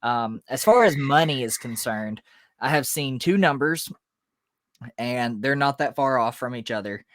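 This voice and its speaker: A man's voice: mid-range voice, measured pace, no echo, clean studio sound. A man co-hosting a casual sports podcast, explaining news step by step with frequent ums. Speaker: podcast co-host.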